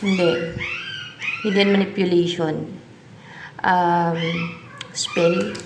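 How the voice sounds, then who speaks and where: A woman doing a tarot reading, musing slowly and questioning herself aloud as she reads the cards. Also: fairly low pitch, fairly even intonation. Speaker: tarot reader. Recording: echoey room, faint background noise.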